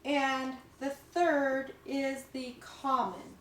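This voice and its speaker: Slow, high-voiced woman lecturing. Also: level tone, fairly bright tone, roomy sound, slight background noise, rough recording. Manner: slow, halting explanation with many fillers. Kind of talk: recorded classroom lecture.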